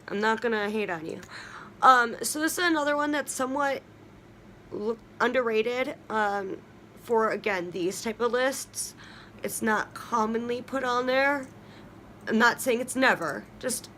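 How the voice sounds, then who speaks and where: A woman's voice: on the high side, a bit bright, a little hiss or hum. A young woman hosting a casual talk on herbs, chatty and full of ums and restarts as she works down a list. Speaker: witchcraft video host.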